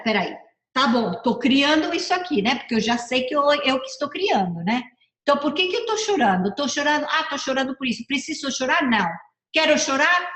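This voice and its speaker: A woman's voice: fairly high pitch, a bit bright. Chatty woman speaker in an echoey room. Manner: chatty, repeats herself, self-correcting. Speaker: personal development speaker. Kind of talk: casual motivational talk.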